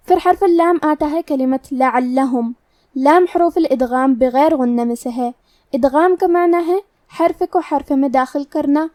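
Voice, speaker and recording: A woman's voice: high voice, dark tone, no echo, clean studio sound, far from the mic. A woman teaching Quran recitation rules step by step, patient and methodical. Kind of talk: tajweed lesson explaining rules.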